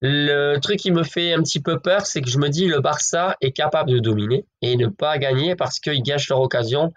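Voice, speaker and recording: Here the pitch is fairly high, the speed normal, and the highs are cut off in the audio. The man offers football betting tips in a relaxed, talkative style, treating his viewers as friends and padding his hedges with fillers.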